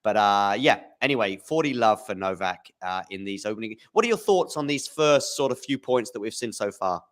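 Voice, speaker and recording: A man's voice: lowish voice, normal speed. A man hosting a live tennis commentary podcast, chatting casually with fillers. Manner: chatty, relaxed, frequent fillers.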